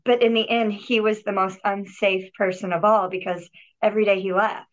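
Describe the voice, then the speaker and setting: Dull lo-fi audio carries a mid-range female voice with fairly even intonation and a moderate pace. The speaker, a healer and yogi on a podcast, earnestly reflects on her personal healing, frequently restarting and repeating words.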